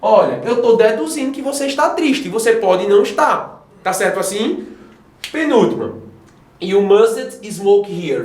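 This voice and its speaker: Brazilian man, English teacher, high voice, echoey room, animated classroom delivery. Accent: Brazilian Portuguese. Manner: animated, addresses students directly with frequent checks. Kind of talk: classroom lesson explaining grammar.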